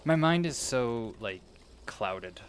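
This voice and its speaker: A man's voice: mid-range voice, lively intonation, takes it slowly, slight background noise. A young man giving rambling, casual commentary while playing a video game, often losing his train of thought. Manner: rambling, meandering, self-interrupting. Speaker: gaming video creator.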